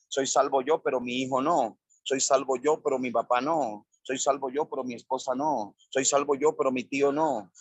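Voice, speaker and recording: A man's voice: medium pitch, breathy edge, dry recording. A male pastor preaching a sermon, repeating phrases in emphatic lists.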